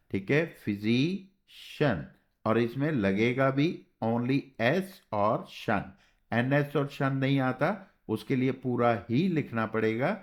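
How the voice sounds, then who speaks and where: A man teaching a shorthand class, explaining step by step in a patient way and often checking with "okay". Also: medium pitch. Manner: slow, patient, spells out sounds and checks with "theek hai". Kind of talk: classroom lesson.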